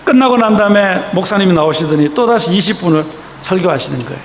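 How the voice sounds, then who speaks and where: A man preaching a sermon as a pastor, telling stories with passion and slowing down softly when he quotes others. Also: high-pitched, animated, slight background noise. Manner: impassioned storytelling, slows and softens for quoted voices. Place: church sanctuary. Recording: echoey church hall with faint ambience.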